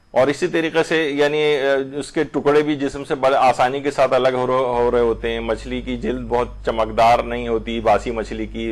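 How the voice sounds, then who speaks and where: A man with a Pakistani Urdu accent teaching a religious lesson, explaining points patiently and reciting short Arabic phrases slowly to show how the vowels change. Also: mid-range voice. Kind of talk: lecture on Islamic jurisprudence.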